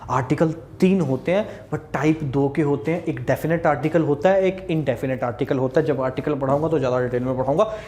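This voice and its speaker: A man's voice: fairly high pitch, fairly quick, hardly any pauses, a little mellow, slight background noise. A man from India with a Haryanvi Hindi accent, giving an exam-prep English grammar lecture at a whiteboard, chatty and often checking in with "theek hai". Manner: chatty, addresses students as "bachche", repeats "theek hai". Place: classroom at a whiteboard.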